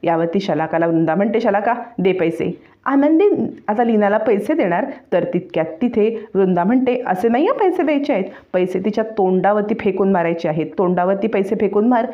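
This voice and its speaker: A woman's voice: medium pitch, fairly quick. Woman retelling a serial, lo-fi sound. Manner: animated, switches between narration and character lines. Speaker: serial recap narrator. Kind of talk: dramatic story retelling with voiced dialogue. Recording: dull lo-fi sound.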